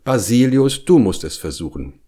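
A man's voice: mid-range voice, very animated, moderate pace, warm tone, pitched above the performer's own voice. A man voicing a grumpy, sleepy and vain male bear in a storybook reading, with a sulky, fussy way of talking. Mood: grumbling. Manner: grunting, sulky, fussy about his collar.

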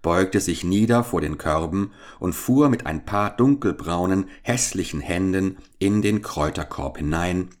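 A man narrating a fairy-tale audiobook in a calm, even storytelling manner. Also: deep voice, unhurried, few pauses.

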